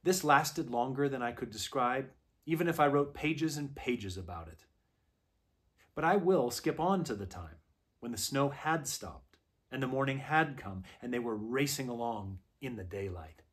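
A man calmly narrating a children's novel aloud at a gentle, measured storytelling pace. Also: mid-range voice. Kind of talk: unhurried read-aloud narration.

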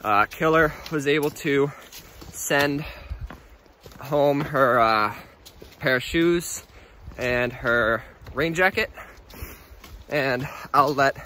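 A man's voice: medium pitch, extremely slow, long pauses, bright, forceful tone, a little hiss or hum. A man hiking a long trail, talking to the camera in a casual, rambling way and laughing easily, recorded outdoors. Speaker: thru-hiker vlogger.

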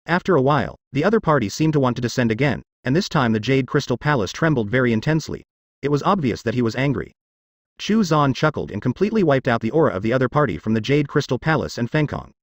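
Guy reading a fantasy audiobook, steady delivery, lively pitch, dry close sound. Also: quick pace, no room sound. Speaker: audiobook narrator. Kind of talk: audiobook narration.

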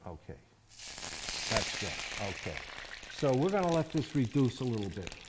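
A man's voice: mid-range voice, big pitch swings, normal speed, noisy background. A middle-aged man, a chef, giving a cooking demonstration in a studio kitchen and explaining each step, often checking in with "okay?" and "all right?". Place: studio kitchen set, indoors.

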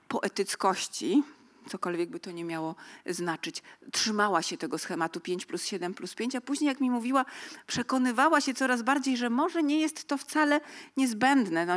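A woman scholar speaking on a literary panel. She talks in measured academic phrasing with frequent hesitant fillers. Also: on the low side. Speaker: haiku scholar, panel guest. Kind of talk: panel discussion at a museum event.

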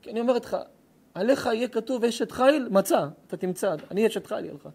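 A young bride-to-be pleading softly and earnestly, as a preacher puts her on in his own fairly high male voice. She talks quietly, close and intimate, as she tells her story in a sermon. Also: creaky, husky, exaggerated voice.

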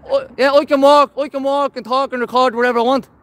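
A man's voice: very high voice, level tone, fast talker, fairly bright tone, no room sound. A man from Dublin with a Dublin accent, vlogging live on the street, blunt and confrontational and swearing a lot. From Dublin, Ireland. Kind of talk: live street vlog commentary. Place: outdoors on city streets at a protest.

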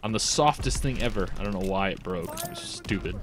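A man chatting casually while he streams a shooter, his pitch jumping all over as he cracks jokes and yelps at the action. Loud gunfire and explosions from the game keep going under his voice. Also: slight background noise. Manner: animated, jokey, quick exclamations. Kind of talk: casual gameplay commentary.

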